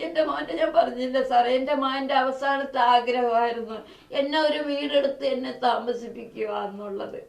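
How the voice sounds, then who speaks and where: A bereaved middle-aged mother gives a tearful, pleading interview, her emotional testimony coming in a high voice with vocal fry.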